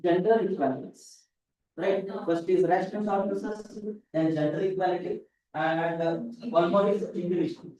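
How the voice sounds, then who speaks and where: A roomy, slightly distant recording carries a man with an Indian accent and a fairly high voice. He teaches in a classroom lecture style, restating points and tossing out short check questions. His tone is on the mellow side. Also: fairly even intonation, normal speed, dull audio. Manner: didactic, repeats points, frequent check questions like "correct?" and "right?". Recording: roomy echo, voice distant from mic.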